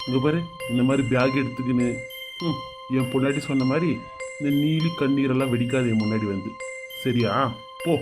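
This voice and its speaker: A man's voice: mid-range voice, fairly quick, music in the background, close to an everyday voice. A man voicing a stern, angry male in-law with a Bangalore Tamil accent, scolding harshly and dismissively in a cartoon serial.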